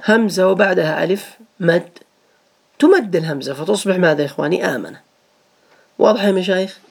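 A man's voice: high-pitched, quick pace, vocal fry, husky. A man teaching a grammar lesson to students, patiently repeating each rule and asking them questions.

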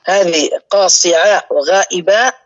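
A man teaching a lesson on word patterns, who speaks slowly and repeats each pattern for his students. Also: high voice. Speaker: teacher of Arabic morphology. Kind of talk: live online lesson. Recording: muffled lo-fi audio.

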